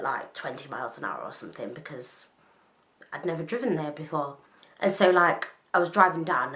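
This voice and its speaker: A woman's voice: sits low, fairly bright tone. A young woman telling a story in a chatty, rambling vlog, full of "like" and restarts. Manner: rambling, self-interrupting, with frequent "like" and laughter. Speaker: vlogger. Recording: roomy echo.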